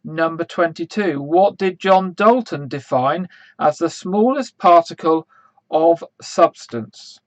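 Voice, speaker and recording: A man hosting a quiz on a church live stream, reading each question slowly and spelling out tricky names. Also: fairly high pitch, expressive, dry recording. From England. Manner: slow, measured, spells out names. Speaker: quiz host.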